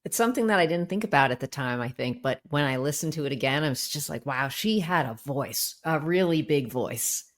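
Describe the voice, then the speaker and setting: A woman's voice: sits low, lively intonation, a little fast, hardly any pauses. A woman, a musician and podcast guest, chatting in an easygoing way. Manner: laughing, easygoing. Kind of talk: casual chat.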